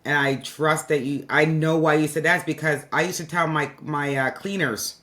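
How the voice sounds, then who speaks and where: A podcast host in a casual interview who talks emphatically, often repeating a point to stress it. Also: female voice, low voice, steady tone, normal speed, a bit bright. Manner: emphatic, agreeing, repeats phrases.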